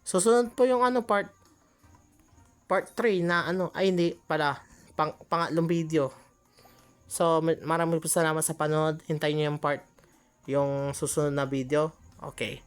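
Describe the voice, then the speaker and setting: A woman's voice: low voice, steady tone, moderate pace, long pauses, clear, resonant tone, faint music behind. A woman giving chatty gameplay commentary, often exclaiming and laughing at her own mistakes. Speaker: gaming channel host.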